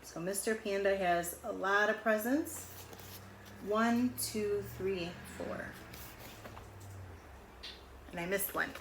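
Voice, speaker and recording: With a mid-range voice, a woman reads a picture book slowly to children, pausing often. She chats throughout, explaining words and pictures and asking the kids questions. Faint background noise and a roomy echo fill the recording.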